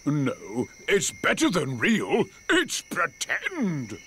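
Grampy Rabbit, a boisterous old rabbit. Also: male voice, on the high side, wildly swooping pitch, extremely slow, a little hiss or hum, exaggerated voice. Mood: jolly. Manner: boisterous and playful. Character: jolly old grandad rabbit. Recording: cartoon with loud music underneath.

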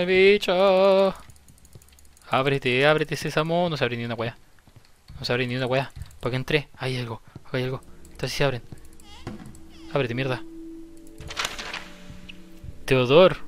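A man's voice: mid-range voice, unhurried, long pauses, clear, resonant tone, faint music behind. A young Chilean man streaming a horror game live, nervous and swearing, repeating lines when scared. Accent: Chilean Spanish. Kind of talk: live horror gameplay commentary.

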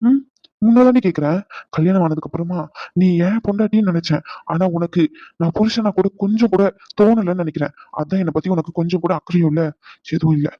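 A man's voice: high-pitched, fast talker, dry recording, lo-fi sound. A man voicing a stressed young husband in a cartoon, scolding his wife in long rants. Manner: scolding rants, softening into comfort. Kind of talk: cartoon voice acting.

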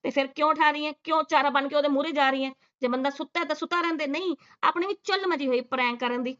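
A woman's voice: high-pitched, fast talker, a bit bright, dull audio. A woman doing sarcastic reaction commentary, scolding and mocking with rhetorical questions. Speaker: reaction vlogger.

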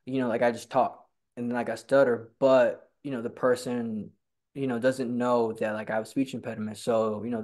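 This young adult man, a guest on a casual video-call interview, has a medium-pitched, slightly mellow voice. He stutters, uses lots of fillers and repeats words, speaking from a room at home beside a staircase through his laptop webcam.

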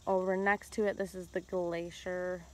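A woman casually narrating a tour of her outdoor garden while filming on a phone, relaxed and chatty with lots of ums. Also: fairly low pitch, moderate pace, a little hiss or hum. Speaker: home gardener vlogger. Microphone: handheld phone camera.

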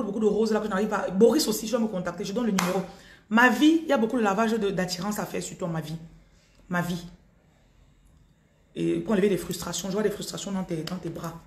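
Cameroonian lady doing a live spiritual reading on her phone, keeps calling out names, echoey room. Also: mid-range voice. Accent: Cameroonian French. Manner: calls out viewers' names repeatedly, gives direct advice. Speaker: spiritual reader on a live stream. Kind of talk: live-stream energy reading. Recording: roomy echo.

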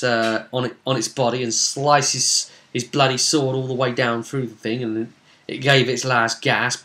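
A man in his twenties with a bright, forceful, medium-pitched voice recaps a role-play game session on his vlog. Recording indoors in a small room at home, he tells it casually as a story, voicing pieces of dialogue.

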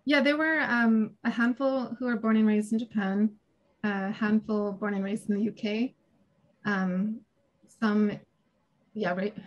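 A woman's voice: mid-range voice, steady tone, measured pace, muffled recording. A woman in her thirties presenting research and answering questions on a video call, talking casually with hesitations and laughs. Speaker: academic presenter. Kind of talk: conference presentation and Q&A. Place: small home room with shelves. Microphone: video call webcam.

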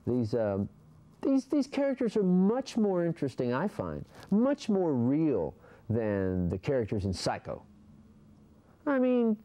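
A man's voice: mid-range voice, mellow. A young man in a casual interview indoors, talking animatedly and rambling with many fillers. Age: young adult. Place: indoor room.

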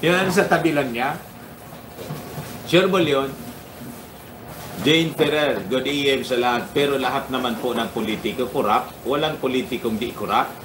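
A man's voice: medium pitch, moderate pace, far from the mic, noisy background. A man hosting a casual political commentary livestream, chuckling often and greeting his viewers by name. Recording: echoey room.

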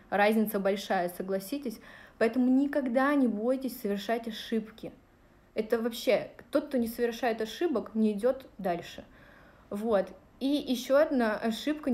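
On a livestream from a small room, a vlogger from Russia in her thirties answers viewer questions in a casual, direct way, using lots of fillers. She has a medium-pitched, darkish voice and records with her phone held at arm's length.

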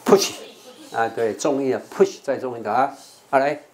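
A man's voice: mid-range voice, a little fast, darkish tone. An older man, a monk from Taiwan with a Taiwanese Mandarin accent, teaching an English vocabulary class and repeating words for students. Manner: repeats words to drill pronunciation, coaxing the class.

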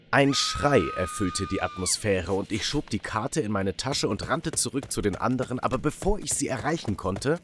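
A man narrating a dramatic first-person story for an animated storytime video. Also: medium pitch, background noise.

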